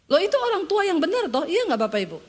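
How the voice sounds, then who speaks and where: A middle-aged woman pastor preaching a sermon, teasing the congregation with questions and jokes, her voice climbing high when she makes a point. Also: big pitch swings, fast.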